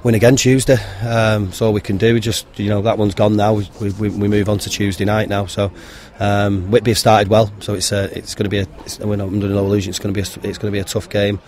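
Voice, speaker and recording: Man, 30s, low voice, monotone, plain-spoken, halting restarts, pitchside handheld mic. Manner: frank, plain-spoken, many ums and restarts. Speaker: football manager. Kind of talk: post-match interview. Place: outdoors beside a football pitch. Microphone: handheld interviewer mic held to him.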